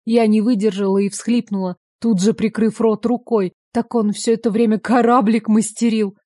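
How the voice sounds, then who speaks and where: A woman reading a first-person story aloud in a lively, confiding storytelling manner. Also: fairly high pitch, moderate pace, dry recording, clean studio sound. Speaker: story reader. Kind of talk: first-person scripted narration.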